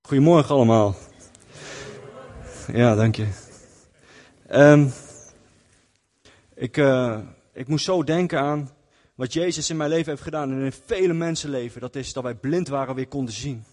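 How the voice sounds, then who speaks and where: A man's voice: mid-range voice, moderate pace, pauses often, darkish tone. A man preaching a testimony sermon in church, earnest and retelling scripture stories. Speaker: lay preacher. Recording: long hall reverb.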